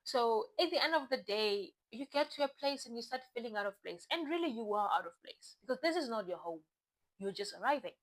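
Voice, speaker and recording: A young woman from Zimbabwe speaks straight to her viewers in a relaxed, chatty way. Her voice sits a little high, and she often circles back to restart a phrase as she thinks. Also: fairly quick, rough recording. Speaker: vlogger. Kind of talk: casual talk to camera.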